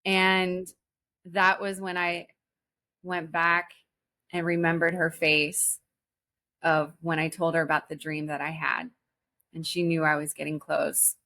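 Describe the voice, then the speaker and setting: A woman in her forties, a podcast guest telling a personal story in an earnest, halting way with many restarts. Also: deep voice, flat delivery, bright, forceful tone. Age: 40s. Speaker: guest, spiritual teacher.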